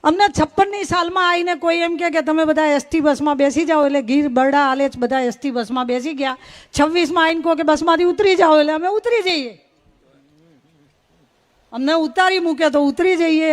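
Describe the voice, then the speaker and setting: At a religious gathering, a middle-aged guest speaker from North Gujarat tells folksy, funny stories in a brisk, high voice.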